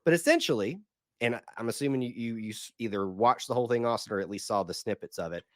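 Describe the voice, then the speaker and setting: A man with a hoarse, sick-sounding voice, hosting a casual sports podcast in an energetic, rambling way. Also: medium pitch, fast, dry recording, clean studio sound. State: hoarse from a cold. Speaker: podcast host.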